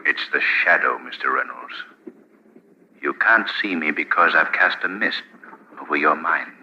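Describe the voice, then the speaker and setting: A menacing, invisible crime-fighter from an old radio thriller. The voice is low and intensely forceful, with a commanding, deliberate delivery. The sound is dull, with some background noise. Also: male voice, lively intonation, exaggerated voice. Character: the Shadow, menacing unseen crime-fighting avenger. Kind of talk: 1940s radio acting.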